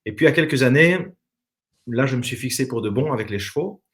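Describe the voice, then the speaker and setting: Talking fast with lively intonation, a medium-pitched Belgian man with a Belgian French accent shares his story earnestly and reflectively. A former professional dancer, he's being interviewed casually over a video call.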